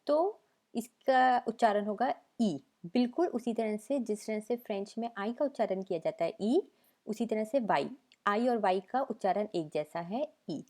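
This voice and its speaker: A woman's voice: mid-range voice, animated, a little slow, warm tone. A young woman teaching French letters as a patient tutor, saying each sound twice. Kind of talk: slow language lesson narration.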